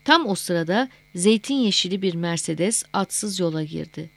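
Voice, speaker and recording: A woman narrating a novel as an audiobook in a measured, steady reading voice. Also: lowish voice, creaky, dry recording.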